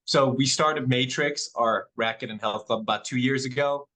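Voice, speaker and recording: Born in the Netherlands, this padel club owner speaks English as a second language with no accent. Answering podcast questions, he is measured and soft-spoken with frequent ums, and his voice is medium in pitch.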